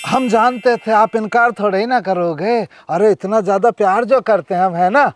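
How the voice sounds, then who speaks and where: A man's voice: high voice, normal speed, a little hiss or hum, natural voice. A man playing a sweet-talking, boastful young village conman, in a village comedy sketch. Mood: coaxing. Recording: music underneath.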